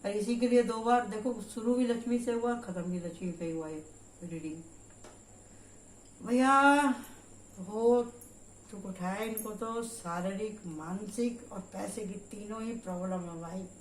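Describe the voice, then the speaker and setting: An older woman giving a spiritual tarot reading in a loud, emphatic, preachy way, mixing in storytelling. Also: mid-range voice, moderate pace, distant mic, slight background noise. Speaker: tarot reader. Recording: roomy echoey room.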